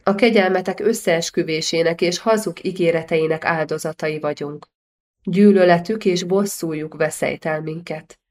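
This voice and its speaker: A bitter condemned knight accuses his judges in a grave, low-set voice, as a woman reading a storybook gives him words. The speech stays measured and heavy. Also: darkish tone, lightly acted.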